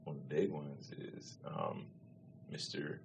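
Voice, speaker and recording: A man who is a film director, speaking as a podcast guest in a relaxed, laid-back way. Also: very deep voice, unhurried, vocal fry, background noise. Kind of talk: casual chat.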